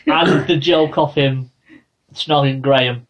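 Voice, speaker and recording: A man's voice: mid-range voice, steady tone, takes it slowly. A man chatting casually about films and TV, often stammering and repeating his first words. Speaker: podcast co-host. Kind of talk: casual film and TV chat.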